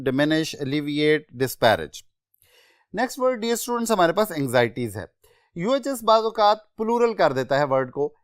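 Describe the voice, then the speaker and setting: Teaching vocabulary for an exam, a man with a Pakistani accent calmly explains English words and lists their synonyms one after another. His pitch is fairly high, and the sound is dry and clean, like a studio.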